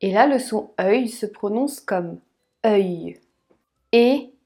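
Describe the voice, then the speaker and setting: A woman teaching French pronunciation, repeating words slowly syllable by syllable. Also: medium pitch, lively intonation, a little mellow, faint music behind. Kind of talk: slow, careful pronunciation lesson.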